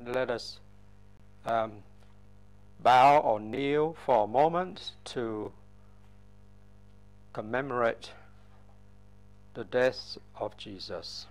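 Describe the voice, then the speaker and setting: A man giving a liturgical Gospel reading at Mass in a church, in a slow, measured, solemn way. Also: mid-range voice.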